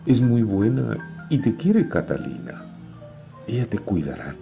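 A man reading a poem aloud and voicing a condemned prisoner who speaks calmly to his son. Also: fairly low pitch, vocal fry, soft background music, voice pushed up, exaggerated voice. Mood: grave. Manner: grave, measured. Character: stoic condemned prisoner, a grave calm father.

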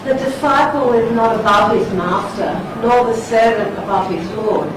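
A woman's voice: on the high side, moderate pace. A woman reading a scripture verse aloud in a class. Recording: distant voice in a very echoey room with noise.

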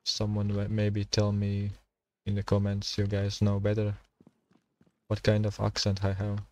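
A man streaming a survival game, talking to himself and his chat in halting, while he plays. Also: on the low side, completely flat delivery, darkish tone. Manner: halting non-native English, thinking aloud while playing. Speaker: gaming streamer. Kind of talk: casual gameplay commentary.

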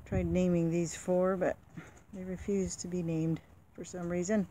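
Slow-talking woman chatting among her chickens. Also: lowish voice, little pitch movement, warm tone. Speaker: backyard chicken keeper. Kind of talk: casual walk-along narration. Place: outdoor yard and chicken pens. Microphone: handheld camera. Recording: noisy outdoor camera audio.

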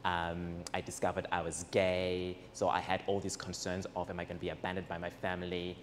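A young Zimbabwean host speaks to a seated audience about gratitude at a community event, using a handheld mic in a reverberant hall with faint background noise. His voice sits low, with a completely flat delivery at a fairly quick pace, yet his manner is earnest, warm, personal and grateful.

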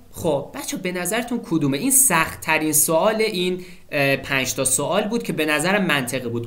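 A man in his twenties tutoring for an English exam in an animated way. He often checks in with students and slows down to spell out English phrases. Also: on the high side. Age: 20s. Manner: animated, keeps checking in with "okay?" and addresses students as kids. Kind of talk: exam-prep lesson walkthrough.

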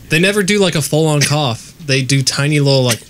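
A man's voice: fairly high pitch, fairly bright tone, slight background noise. A man chatting crudely and jokingly while co-hosting a let's play of a video game. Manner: crude, joking, sings snatches of songs. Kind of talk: casual gaming chat.

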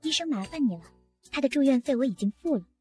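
A woman's voice: sits high, expressive, quick pace, dark tone, soft background music. A woman voicing a cold, aloof wealthy young man who speaks curtly in an audio comic story. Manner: curt and cold.

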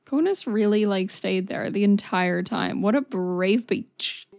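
A woman's voice: medium pitch, a little slow, gravelly, a little mellow, no room sound. A woman hosting an anime reaction video, gushing, exclaiming and swearing casually as she watches.

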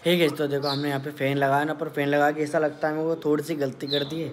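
A man's voice: on the high side, little pitch movement, quick pace. Chatty male vlogger, noisy audio. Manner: chatty, talks to camera and coos at a baby. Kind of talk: casual family vlog chat.

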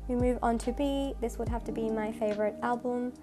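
Brisk and steady, this slightly high female voice belongs to a channel host with a slight cold. She's narrating a casual, enthusiastic voice-over while presenting her photocard collection. The voice-over was recorded separately from the room on screen, with music underneath.

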